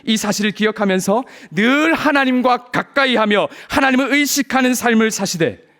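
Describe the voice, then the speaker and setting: High-voiced male pastor preaching. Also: a bit bright. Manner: earnest preaching, rhetorical questions. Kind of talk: sermon.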